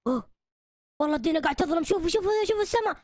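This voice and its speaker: A woman narrating a game role-play in a lively, bossy, laughing way. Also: very high voice, very fast, very noisy.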